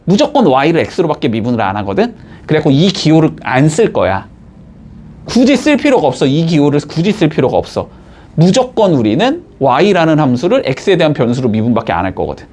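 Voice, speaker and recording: Lively male math teacher checking in. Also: fairly high pitch, normal speed. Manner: lively, coaxing, checks in constantly with short questions. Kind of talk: classroom math lecture.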